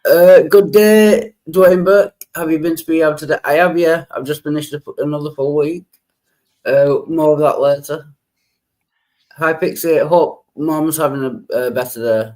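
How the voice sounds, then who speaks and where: A man's voice: a little high, fairly even intonation, normal speed, darkish tone. A man chatting casually as the host of an online open chat, greeting people.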